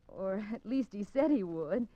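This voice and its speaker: In a dull 1950s radio recording with no echo, a woman with a mid-range, expressive voice speaks unhurriedly. She's an actress voicing an anxious but determined undercover woman in a suspense drama, her delivery coy and hesitant. She comes across as coy and flustered.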